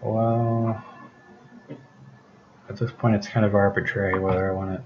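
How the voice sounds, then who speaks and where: A man's voice: fairly low pitch, level tone, measured pace. A man casually explaining code step by step and thinking aloud as he works, his voice a little worn. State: losing his voice. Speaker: programming tutor. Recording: dull lo-fi recording with background hiss.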